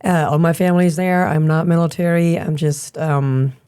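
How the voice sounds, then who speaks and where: Woman in her 30s from Germany, low mellow voice, easygoing guest, lots of ums and laughs. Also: normal speed, clear, resonant tone. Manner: relaxed, laughs often, many ums. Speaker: podcast guest, gym owner and coach. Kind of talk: casual interview chat.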